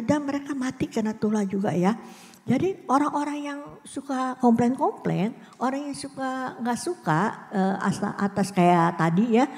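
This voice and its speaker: Middle-aged lady telling kids a bible story, swoops up and down a lot, echoey hall sound. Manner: lively storytelling, voicing characters' lines with big pitch swings. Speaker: Sunday school teacher. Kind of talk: children's Bible story lesson.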